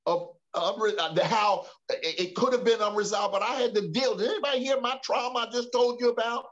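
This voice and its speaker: Man, Bible study teacher, high-pitched voice, preacherly, stumbles and repeats words, dull lo-fi church recording. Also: a little fast, fairly bright tone. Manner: preacherly, repeats words and restarts, calls for response.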